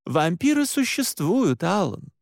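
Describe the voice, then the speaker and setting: A man's voice: sits high, big pitch swings, a little slow, vocal fry, dry recording, clean studio sound, voice pushed up, full character voice. A man voicing a stern, blunt female monster hunter in an audiobook, firm and lecturing. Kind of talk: audiobook character voice.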